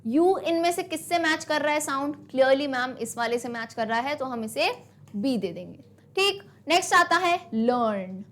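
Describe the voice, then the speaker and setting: Teaching exam prep online, this high-voiced young woman sounds animated, brisk and encouraging, addressing students as "beta" and mixing Hindi with English. English lines get read out slowly, and there's a little hiss or hum in the audio.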